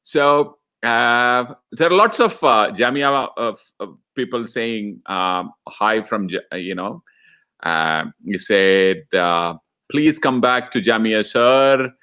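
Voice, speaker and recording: A man in his fifties with a Malayali accent from India, hosting a casual live chat in a halting, jokey way. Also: medium pitch, sharp tone, smooth. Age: 50s. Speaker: webinar host reading viewer comments.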